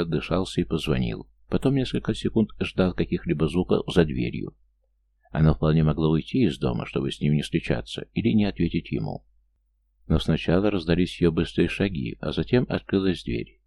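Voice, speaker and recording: Man, audiobook narration, very deep voice, gravelly, dark tone. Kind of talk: scripted narration.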